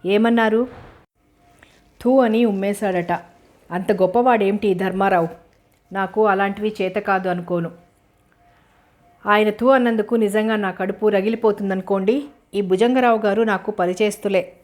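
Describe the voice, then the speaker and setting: A woman's voice: mid-range voice, steady tone, moderate pace, pauses often, a little mellow, natural voice. A woman voicing a spiteful, scheming middle-aged village man who talks in a gossiping, sneering way. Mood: resentful.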